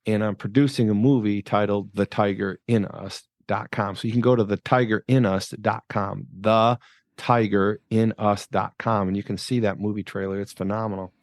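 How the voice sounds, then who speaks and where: A man's voice: lowish voice, fairly even intonation, a little fast, few pauses, a little mellow, no echo. A man in his sixties from Michigan, a coach and author telling a story as a guest on an interview podcast, with an emphatic, dramatic delivery that repeats phrases. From Michigan, USA. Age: 60s.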